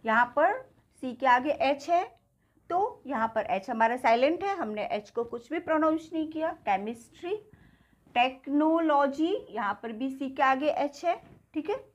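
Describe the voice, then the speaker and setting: A woman's voice: high voice, animated, normal speed. A woman with an Indian accent teaching spoken English, patiently repeating words and asking her class questions.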